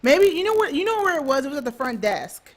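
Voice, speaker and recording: A woman in her late twenties co-hosting a casual podcast, telling stories in a relaxed way with dry asides. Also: sits high, fast talker. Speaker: podcast co-host. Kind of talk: casual chat.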